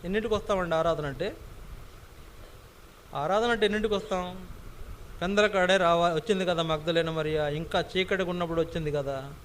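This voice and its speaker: Man, preacher, high voice, emphatic, repeats himself, rhetorical questions, faint room ambience. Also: a little fast, long pauses, slight background noise. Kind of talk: sermon.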